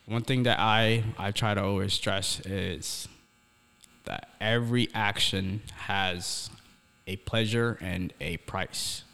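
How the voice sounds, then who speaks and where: Here the same young podcast co-host from Somalia speaks slowly, his low-leaning voice steady, creaky, bright and forceful. He stays earnest and philosophical in casual reflective talk, repeating words as he searches for what comes next, and the recording carries a hall-like echo.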